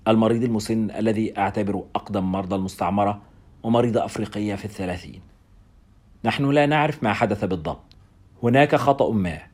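A man's voice: on the low side, fast talker, darkish tone, lightly acted. A man reading as a stern colony director, firm and curt.

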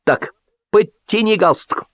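A man voicing a pushy middle-aged party host who gives loud, drawn-out toasts. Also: high voice, no echo, muffled recording, pitched above the performer's own voice. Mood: toasting.

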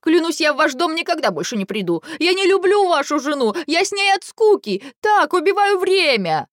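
A woman's voice: a little high, very animated, fairly quick, no room sound, clean studio sound, voice pushed up. A woman voicing a cowardly young man who squeals and pleads. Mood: squealing.

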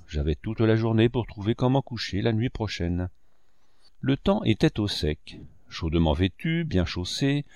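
A man narrating a novel as an audiobook with measured storytelling. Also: lowish voice, mellow, dry recording, clean studio sound.

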